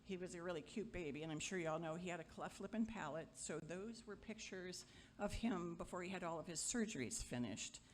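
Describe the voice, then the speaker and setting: A middle-aged woman giving an informal memorial eulogy, chatty and wry, joking with the crowd and sometimes halting. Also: fairly low pitch, expressive, slight background noise. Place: gathering hall at a memorial.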